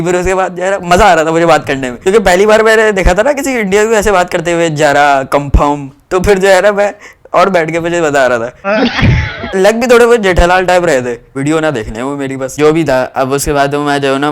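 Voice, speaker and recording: A young man from Pakistan, telling a travel story to camera in a rambling, animated way with lots of fillers. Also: a little high, clean tone.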